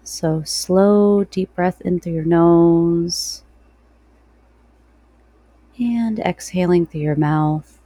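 A woman podcast host leading a guided breathing meditation in a soft, slow, soothing delivery with long pauses. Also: lowish voice, no echo.

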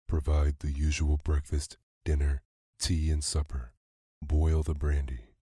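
A man's voice: a bass voice, little pitch movement, a little slow, mellow, husky, no echo, clean studio sound, exaggerated voice. A man voicing a drunken, ragged man who repeats himself with fierce insistence. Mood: raving.

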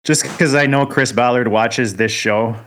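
A man appearing as a guest on a casual sports podcast, talking in a halting way, often repeating words and joking about himself. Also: medium pitch, fairly bright tone.

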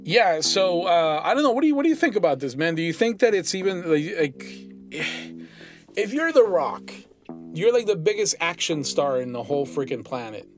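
A man's voice: a little high, big pitch swings, moderate pace. A man in casual chat as a podcast co-host, joking and sarcastic as he comments. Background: guitar music.

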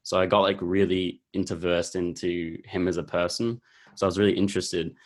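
A young man with a deep, low-pitched voice. He talks in a loose, laid-back ramble, full of ums and likes, as he chats about films. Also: fairly even intonation, fairly quick. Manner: rambling, laid-back, heavy use of filler words. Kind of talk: casual chat about films.

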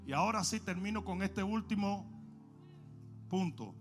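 A man preaching an animated sermon, acting out stories and swinging between shouting and low asides. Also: measured pace, faint music behind.

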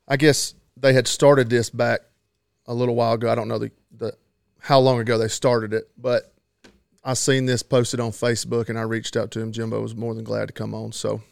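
Male co-host, creaky voice, casual chat, dry studio sound. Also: mid-range voice, level tone, fairly quick, no room sound. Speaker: podcast co-host.

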